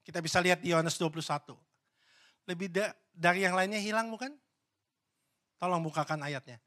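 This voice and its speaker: In a church, a male pastor preaches a brisk sermon. He swings between loud, emphatic questions to the congregation and hushed, low asides.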